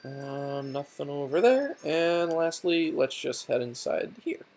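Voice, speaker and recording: Offhand game player with lively pitch. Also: takes it slowly, vocal fry. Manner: casual and offhand, mumbling asides. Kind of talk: let's play commentary.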